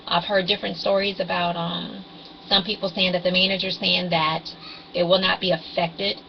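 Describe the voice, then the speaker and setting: A woman's voice: medium pitch, vocal fry, dull audio, slight background noise. A woman in her forties vlogging about couponing over a webcam in a rambling, hesitant way with frequent ums, her voice carrying fuzzy distortion. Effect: fuzzy distorted webcam audio. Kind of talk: casual rambling explainer.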